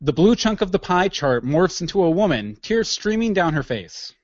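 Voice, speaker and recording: A man's voice: high voice, very animated, moderate pace, no echo, dull audio. A man narrating scene directions in a matter-of-fact way for an audio drama.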